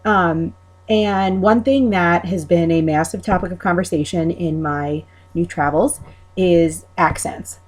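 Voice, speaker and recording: This Long Island, New York woman makes videos and here explains her accent, rambling informally and hesitantly as she thinks aloud. Her voice sits on the low side, unhurried and a little mellow.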